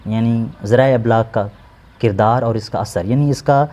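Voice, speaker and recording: A male English teacher with a Pakistani accent walks students through a lesson in Urdu. He speaks slowly and hesitantly, often stopping to search for a word. His voice is mellow and warm. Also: mid-range voice. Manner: slow, explanatory, with many hesitations.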